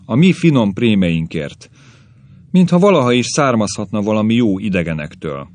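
A man's voice: fairly low pitch, big pitch swings, a little mellow, no echo. A man voicing a grumbling old caveman grandfather who rants and complains about the young, in a story reading. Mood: ranting. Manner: querulous ranting.

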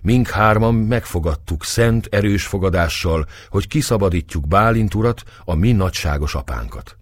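A man's voice: sits low, animated, no room sound, pitched above the performer's own voice. A man voicing an earnest young bridegroom.

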